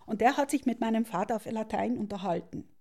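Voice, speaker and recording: A middle-aged woman, thoughtfully telling her life story as an interview guest and often pausing to search for words. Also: on the high side, darkish tone. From South Tyrol, Italy. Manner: thoughtful, searching for words with many pauses and restarts. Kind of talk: reflective personal storytelling.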